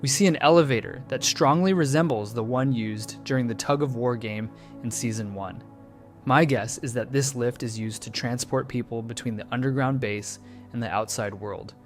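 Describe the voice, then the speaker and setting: Man narrating a measured trailer breakdown. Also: medium pitch, faint music behind. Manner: measured, analytical, posing questions. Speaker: channel host breaking down a trailer. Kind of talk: scripted video-essay narration.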